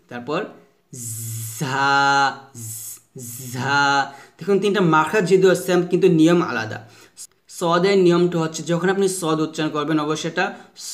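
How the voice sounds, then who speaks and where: A man with a slightly higher-than-usual voice teaches Quran letter pronunciation. He talks patiently and repeats each point, then stretches out single sounds for listeners to copy. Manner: slow drawn-out modelling of letter sounds with repetition drills. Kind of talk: pronunciation lesson.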